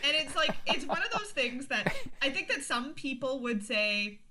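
A woman's voice: high voice, lively intonation, normal speed, background noise. A woman co-hosting a casual TV recap chat, speaking informally and freely giving her opinions. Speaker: podcast co-host.

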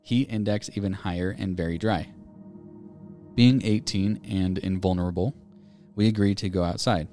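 Deep-voiced man reading a spooky story. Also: normal speed, faint music behind. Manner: reads aloud in a steady storytelling way. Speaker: podcast co-host. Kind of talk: casual chat and reading listener stories.

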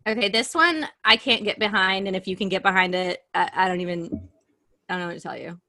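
A woman with a bright, forceful voice co-hosts a casual podcast. She reads out list items and reacts bluntly, swearing freely and laughing. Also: medium pitch, a little fast, no room sound, clean studio sound. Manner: blunt and profane, laughs often. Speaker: podcast co-host. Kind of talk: casual chat, reading out a list.

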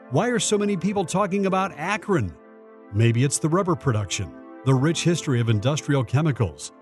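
A man's voice: mid-range voice, close to an everyday voice. A man doing a theatrical show announcer. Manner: dramatic, mock-grand delivery. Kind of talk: audio drama intro.

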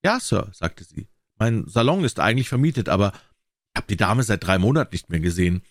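A man's voice: on the low side, very animated, a little fast, no room sound, studio quality. A man reading the lines of a respectable, chatty older landlady in an audiobook story.

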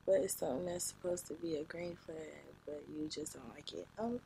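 A woman's voice: lowish voice, fairly even intonation, fairly quick, noisy background. A young woman chatting casually on a podcast, hesitant and blunt, swearing freely. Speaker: podcast guest co-host.

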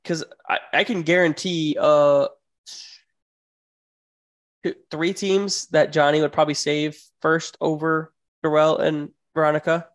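A man's voice: fairly high pitch, little pitch movement, unhurried. Young man, casual podcast co-host. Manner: easygoing, agreeable, hedging. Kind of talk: casual chat.

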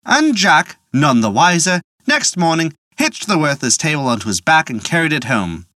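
Lively folk-tale narrator, wide melodic range, playful, dry sound. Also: medium pitch, normal speed, no room sound. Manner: lively, playful with wry asides. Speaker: storyteller.

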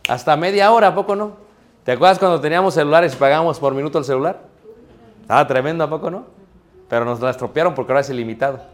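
A man's voice: fairly high pitch, a bit bright. A man preaching a sermon, talking to the congregation in a conversational way and asking them rhetorical questions. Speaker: pastor.

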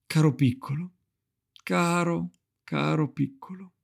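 A man voicing a gentle, grieving father who speaks tenderly in a storybook reading. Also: a little high, steady tone, slow pace, creaky, voice pushed up, exaggerated voice. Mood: tender grief.

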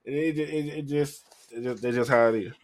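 A man of thirty hosting a podcast, talking casually with brash, profane bluntness and breaking into loud laughter. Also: mid-range voice, steady tone, a little fast. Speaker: podcast host. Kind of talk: casual chat.

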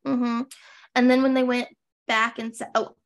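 A woman chats casually as a podcast co-host, snarking her way through a reality-show recap. Her voice sits a little high, with a gravelly fry at the ends of phrases. She rambles and leans hard on "like". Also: flat delivery, normal speed. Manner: snarky, rambling, heavy use of "like".

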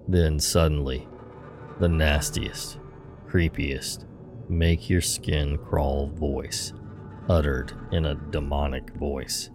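Male horror podcast host, very low, flat, gravelly narration. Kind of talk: scripted horror story narration. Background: soft music.

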